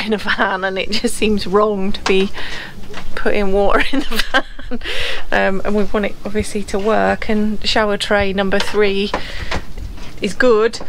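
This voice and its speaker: A woman's voice: medium pitch, creaky, fairly bright tone, a little hiss or hum, poor audio. A woman in her forties with an English accent, chatting casually and laughing at herself while working on a van. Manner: chatty and self-mocking, laughs often. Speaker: vlogger, van converter. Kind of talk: casual vlog chat. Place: inside a van on a driveway and outdoors beside a house.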